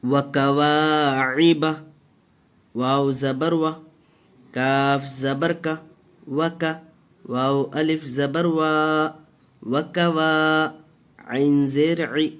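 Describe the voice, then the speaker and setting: A man teaching Quran reading, spelling out syllables slowly and deliberately, with short asides to viewers. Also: mid-range voice, clear, resonant tone. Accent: Indian Urdu-Hindi. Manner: slow, deliberate syllable-by-syllable drilling, even tone. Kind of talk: spelling-out Quran recitation lesson.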